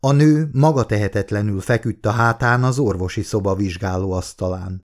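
Male author narrating his novel, low-pitched, measured, steady. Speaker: author reading his own book. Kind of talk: audiobook narration.

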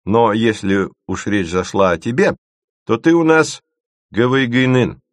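A man's voice: fairly low pitch, animated, dry recording, studio quality, voice pushed up. A man reading an audiobook voices a playful young girl who keeps inventing odd words from other languages. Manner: bright, teasing, rapid-fire offers.

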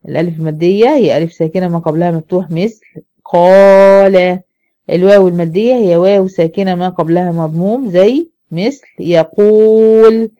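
A woman's voice: lowish voice, dark tone, lo-fi sound. An Egyptian woman teaching Quran recitation, explaining step by step and asking the class questions that she answers herself. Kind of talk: classroom lesson.

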